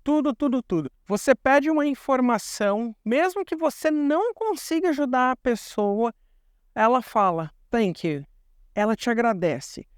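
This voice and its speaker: A man's voice: extremely high pitch, very animated, normal speed, smooth, dry recording, studio quality. A young Brazilian man with a Brazilian Portuguese accent, explaining things in a chatty vlog and repeating words for emphasis. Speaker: vlogger.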